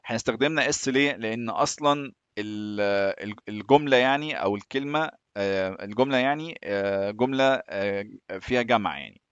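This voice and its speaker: A man's voice: mid-range voice, no echo. Egyptian male teacher, patient explainer, muffled dry recording. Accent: Egyptian Arabic. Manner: patient, often checks in with "تمام؟". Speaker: English teacher. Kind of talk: explaining English lessons in Arabic.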